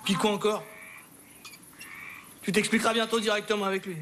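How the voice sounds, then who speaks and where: A man's voice: high voice, steady tone, brisk, a bit bright, slight background noise. A man playing a crude sarcastic soldier. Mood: scornful. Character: gruff rude French soldier, crude and scornful. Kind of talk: film drama acting.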